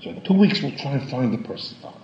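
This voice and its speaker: Halting, lively-voiced man giving a sermon. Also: mid-range voice, slight background noise. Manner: halting, repeats words, expressive rising emphasis. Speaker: rabbi. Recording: echoey room, dull lo-fi sound.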